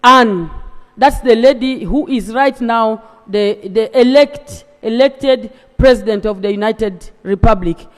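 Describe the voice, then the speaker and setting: A woman's voice: a little high, slow. Impassioned Ugandan woman in a reverberant chamber. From eastern Uganda. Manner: impassioned, emphatic. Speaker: legislator. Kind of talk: parliamentary speech. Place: large assembly chamber. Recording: long reverb of a large chamber.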